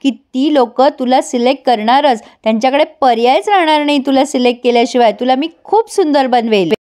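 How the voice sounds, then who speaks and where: Confident encouraging young woman read by a woman, high voice. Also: fairly quick, a little mellow, natural voice.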